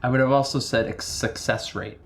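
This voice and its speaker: A man's voice: medium pitch, fairly even intonation, brisk, creaky, faint music behind. A man playing a tabletop game, bantering casually and jokily with the group. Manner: jokey.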